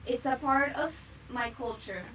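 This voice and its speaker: A woman's voice: high voice, unhurried, a bit bright, slight background noise, poor audio. A young woman from Mexico with a Mexican accent, a guest chatting casually in an interview with many fillers. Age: young adult. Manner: chatty, with frequent fillers and laughs.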